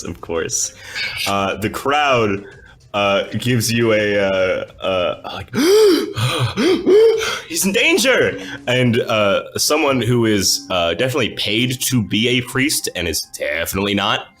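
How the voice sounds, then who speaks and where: A man runs a tabletop game in a loose, profane, joking way. His voice is lowish but bright and forceful. Faint music plays underneath. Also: slow. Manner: casual, profane, laughing asides. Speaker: game master.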